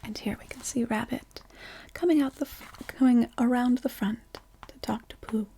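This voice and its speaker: A woman reading a storybook aloud in a soft, slow, whispered ASMR style. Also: on the high side, slight background noise. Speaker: ASMR reader.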